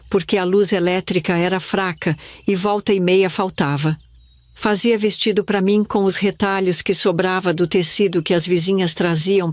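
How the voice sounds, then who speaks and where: A woman's voice: medium pitch, no echo, clean studio sound. Older woman narrating a somber memory. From Brazil. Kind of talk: scripted first-person narration.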